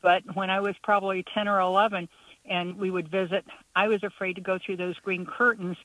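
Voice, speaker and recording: A woman's voice: medium pitch, flat delivery, fairly quick, a bit bright, no echo. A woman calling in to a radio show over a phone-in line, telling a rambling childhood story in a chatty way. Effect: caller heard over a phone-in line. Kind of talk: casual phone-in chat. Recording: distant phone-in caller audio.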